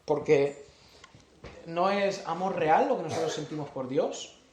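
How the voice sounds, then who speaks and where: Preacher with a dark voice in an echoey hall. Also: male voice, a little high, a little slow, slight background noise. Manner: asks the congregation short questions. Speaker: pastor. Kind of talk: sermon. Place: church hall. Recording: echoey church hall, mic at a distance.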